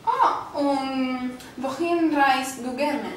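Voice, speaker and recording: A woman's voice: high-pitched, extremely slow, a little hiss or hum. A woman from Barcelona, a beginner German student speaking carefully and hesitantly in a classroom role-play dialogue. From Barcelona, Spain. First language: Spanish and Catalan. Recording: echoey classroom, far from mic.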